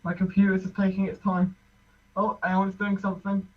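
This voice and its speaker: A man on a casual group call, flustered and impatient, cursing at his slow computer. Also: high-pitched, monotone, narrow, tinny audio.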